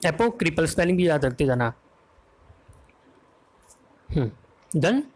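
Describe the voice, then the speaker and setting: Brisk Indian teacher drilling vocabulary. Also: male voice, fairly high pitch, very animated. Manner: fast, drills answers with repeated "है ना?" checks. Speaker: English exam-prep teacher. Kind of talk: quick quiz-style vocabulary lesson.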